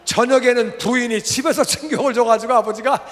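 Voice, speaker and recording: High-voiced pastor in a reverberant church. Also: male voice, brisk. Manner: animated storytelling, acting out family dialogue. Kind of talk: revival sermon with family stories. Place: church sanctuary.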